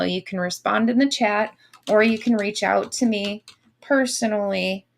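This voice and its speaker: Slow-talking coaching woman with vocal fry. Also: medium pitch, a bit bright, a little hiss or hum. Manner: encouraging. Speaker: online manifestation coach. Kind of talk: casual instruction to a live online group.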